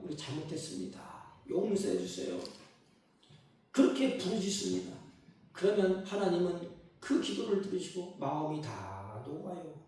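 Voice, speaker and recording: A middle-aged man delivers a sermon, his fairly high voice swelling into emphatic bursts and then falling quiet. He acts out the voices he quotes. The sound carries from a distance through a heavily reverberant sanctuary. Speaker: pastor. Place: church sanctuary. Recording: very echoey hall, voice from far off.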